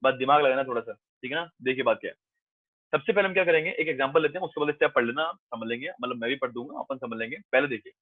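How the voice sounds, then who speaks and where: A man's voice: medium pitch, dry recording. A male commerce teacher, lecturing a class in a coaxing, reassuring way and repeating points often. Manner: coaxing, calls students 'beta', reassuring and repetitive. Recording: dry, tinny phone-like sound.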